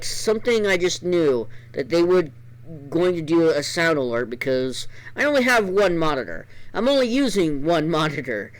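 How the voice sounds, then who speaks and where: A man streamer telling a casual story before a let's play, rambling with restarts, his voice a bit gravelly. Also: on the high side, rough recording. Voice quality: normally gravelly voice.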